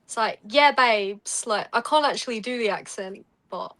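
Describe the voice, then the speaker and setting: A woman from Essex with an Essex English accent and a soft, calming voice, chatting casually as a guest psychic on a podcast. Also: medium pitch, fairly quick, low-quality recording. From England.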